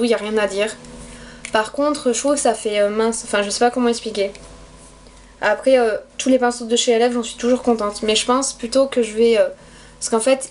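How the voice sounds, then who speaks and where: A woman's voice: on the high side, a little hiss or hum. Chatty young woman filled with hesitations. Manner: hesitant, many fillers and restarts. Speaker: beauty vlogger. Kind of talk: casual makeup haul chat. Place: bedroom at home.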